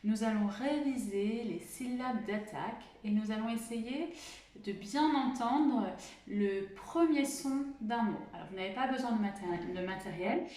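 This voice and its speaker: A woman's voice: fairly high pitch, dark tone, echoey room. A woman from France, a kindergarten teacher, giving a recorded lesson and drawing out each syllable carefully. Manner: slow, carefully articulated, stretches out syllables. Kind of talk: recorded home-school lesson.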